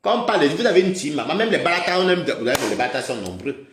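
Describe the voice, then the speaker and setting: A man's voice: a little high, lively intonation, rapid-fire, noisy background. An agitated man hosting a livestream, scolding and mocking his viewers in a heated rant and calling them maman. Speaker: livestream host. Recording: roomy echoey sound.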